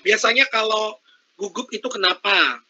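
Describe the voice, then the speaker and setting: Chatty high-voiced man giving a workshop. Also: normal speed, muffled recording, a little hiss or hum. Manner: chatty, animated, keeps asking the audience questions. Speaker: workshop speaker. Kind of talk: casual interactive lecture.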